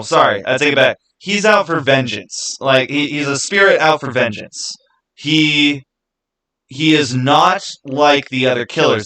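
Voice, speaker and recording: On a low-quality recording, a man with a sharp-toned, mid-range voice riffs unscripted about gaming, voicing his opinions with emphasis and circling back to the same phrases to make his case as the video's host.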